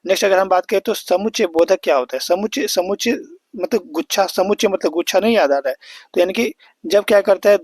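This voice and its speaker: Young male teacher, high voice, dry close recording; explains patiently and repeats key points. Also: fast, darkish tone, no echo. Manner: explains step by step, repeats and checks with "है ना". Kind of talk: exam-prep grammar lesson.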